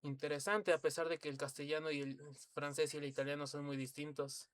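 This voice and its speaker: A man's voice: fairly high pitch, flat delivery, no echo. A man reading an encyclopedia lesson aloud, stumbling and restarting words, with dry asides. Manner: halting, stumbles and restarts words, spells out letters, drops asides. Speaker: reader of an encyclopedia.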